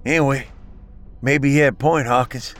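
A man's voice: medium pitch, steady tone, moderate pace, a bit bright, soft background music, voice pushed up, close to an everyday voice. A man voicing a bitter male Confederate bushwhacker soldier who slurs his words and breathes heavily. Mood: pleading.

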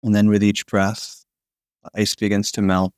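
Slow, soothing male sleep story narrator, closely dry. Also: on the low side, little pitch movement, clean tone, no echo. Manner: slow, soothing, long pauses. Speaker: podcast host guiding a sleep meditation.

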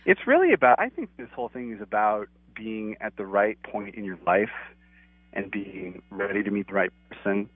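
A lower-voiced man comes through a thin, clipped phone line with a dry sound. He talks earnestly and rambles, stopping and restarting his thoughts as a guest on a call-in interview. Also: expressive, normal speed, no echo. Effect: clipped phone line that cuts out. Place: outside his office.

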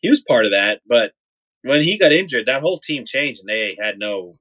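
A male podcast panelist argues sports casually and emphatically. His voice is bright and forceful, swinging widely in pitch as he repeats points for emphasis. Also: big pitch swings, moderate pace.

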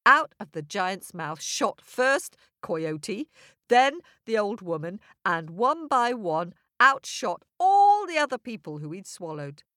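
Woman, storyteller, children's tale, slow pace, very lively melody, playful, dry close recording. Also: mid-range voice, no echo. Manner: expressive, playful, song-like.

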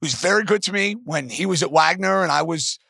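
A man hosting a sports betting show in a worn-out, hoarse smoker's rasp, emphatic and repeating phrases for punch. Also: a little high, fast, sharp tone, no room sound, studio quality. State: voice strained and worn out. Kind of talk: animated sports betting commentary. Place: casino in Las Vegas.

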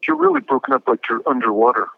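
A man in his fifties speaking as an incarcerated interview guest over a prison phone line, measured and a little hesitant, with small restarts. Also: mid-range voice, huge pitch swings, creaky, no echo. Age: 50s. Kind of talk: telephone interview. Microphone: prison telephone handset. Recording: muffled phone line, dry.

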